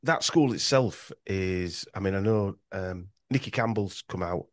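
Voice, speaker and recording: A man from Yorkshire, England, speaks in a low, unhurried voice during a podcast conversation, with no room sound. He rambles, stumbling and restarting his sentences often.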